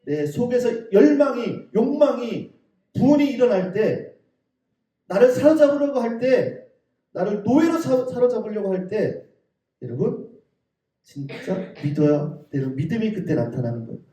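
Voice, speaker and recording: Fervent preacher in an echoey church. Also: male voice, lively intonation, a little slow. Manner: fervent preaching, voice rising high on declarations then dropping soft; addresses the congregation often. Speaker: pastor. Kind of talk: sermon. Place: church sanctuary. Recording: roomy church sound from a distant mic.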